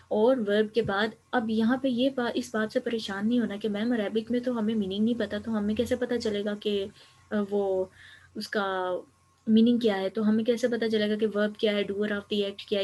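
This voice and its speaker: A woman's voice: mid-range voice, a little mellow, poor audio. A woman teaching an Arabic grammar lecture, explaining each step patiently and slipping English terms into her talk.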